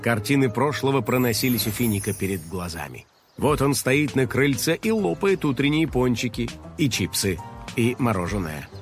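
A man narrating a children's story in a lively, playful way. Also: mid-range voice, normal speed, faint music behind.

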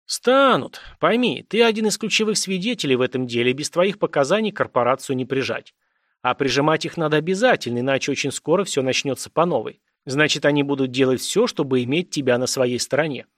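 A man's voice: on the high side, expressive, a little fast, no echo, studio quality, close to an everyday voice. A man voicing a blunt, wry ex-scout. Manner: blunt, streetwise, lightly mocking. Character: ailing ex-army male scout, blunt and wry. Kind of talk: audiobook character reading.

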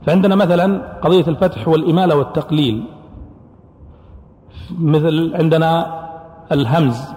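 A man's voice: fairly high pitch, normal speed, long pauses, warm tone. A man teaching as a scholar of Quran sciences in a classroom lecture, explaining points and posing questions he then answers himself. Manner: explanatory, asks and answers his own questions. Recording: echoey hall recording.

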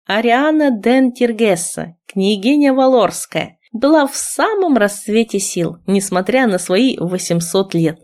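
A woman narrating a first-person audiobook in a measured, expressive reading. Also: fairly high pitch.

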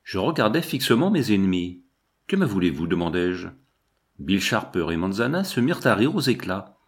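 A man reading a novel aloud as a narrator, with measured storytelling that lifts in pitch and volume for quoted speech. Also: sing-song. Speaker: audiobook reader. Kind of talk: scripted narration.

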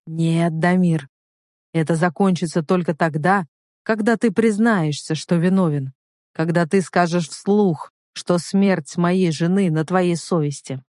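A woman's voice: fairly low pitch, measured pace, a little mellow, no room sound, studio quality, close to an everyday voice. A woman voicing a cold vengeful gang boss. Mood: cold menace. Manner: cold, sneering, rising to hoarse fury. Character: cruel vengeful middle-aged male gang boss.

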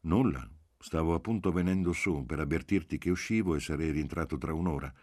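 A man voicing a reserved young man who answers calmly and tersely, in an audiobook reading. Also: a bass voice, a little fast, no echo, clean studio sound. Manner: calm and terse.

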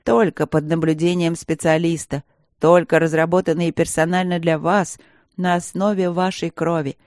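A woman's voice: fairly low pitch, moderate pace, darkish tone, dry recording, natural voice. A woman voicing a stern, cold male professor who lectures in a dry, cutting way.

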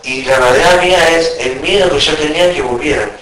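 A man with an Argentine Rioplatense accent, a witness telling his own story in a tense, halting way and using street slang. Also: on the high side, noisy background. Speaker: witness being interviewed. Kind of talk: telling a personal account. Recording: echoey, distant from the mic.

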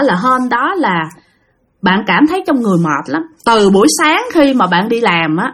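Woman, Southern Vietnamese accent, casual ghost story narration, chatty, talks to listeners, somewhat high voice. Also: fairly bright tone, husky. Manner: chatty, addresses listeners directly.

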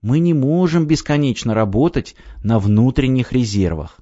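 A man reading an audiobook, voicing a pushy, scheming male construction director who coaxes and urges loudly. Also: medium pitch, animated, moderate pace, no room sound, muffled recording, voice pushed up, close to an everyday voice. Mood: urgent coaxing. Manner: coaxing, urgent, exclamatory.

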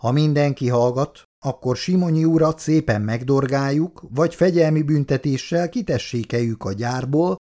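A man's voice: mid-range voice, few pauses, warm tone, lightly acted. A man reading aloud as a blunt, bossy factory foreman. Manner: gruff and commanding. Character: middle-aged male foreman, blunt and bossy.

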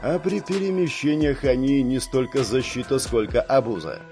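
A man narrating an audiobook in a steady, even reading voice. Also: mid-range voice, moderate pace, soft background music. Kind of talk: scripted narration.

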